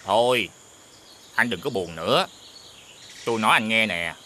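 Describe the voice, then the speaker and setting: A man's voice: lowish voice, expressive, normal speed, pushed and bright, slight background noise. An actor playing a stern male demon assistant from the underworld, with a formal, commanding manner. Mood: consoling stern. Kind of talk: TV fairy-tale drama acting.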